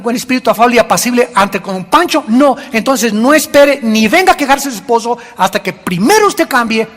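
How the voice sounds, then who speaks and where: A male pastor preaching a sermon in an animated way, acting out the church members he quotes. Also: very high voice. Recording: long hall reverb.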